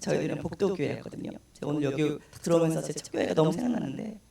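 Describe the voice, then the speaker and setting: A woman's voice: fairly low pitch, creaky, mellow. A woman guest speaker with a strained, unclear voice, giving a personal testimony at a church service and acting out the voices in her story. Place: church sanctuary. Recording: echoey room, distant mic.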